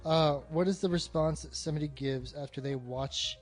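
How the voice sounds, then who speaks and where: As a podcast co-host, a man talks casually and emphatically about films, opinionated and swearing freely. His fairly high voice runs at a moderate pace. Faint music plays behind him.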